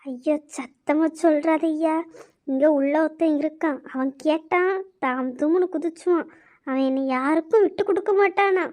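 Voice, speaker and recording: A doting old grandmother, played by a woman, with a high, light voice. She is affectionate and shy, and she gently scolds the grandchildren in a web drama. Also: moderate pace, close to an everyday voice. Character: fond, teary old grandmother. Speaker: grandmother character.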